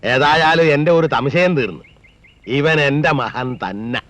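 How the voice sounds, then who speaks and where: A man's voice: mid-range voice, lively intonation, unhurried, fairly bright tone, dry recording. An actor playing a middle-aged wealthy landlord and father, who talks down to others in a mocking, bossy way. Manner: mocking, domineering. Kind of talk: film dialogue.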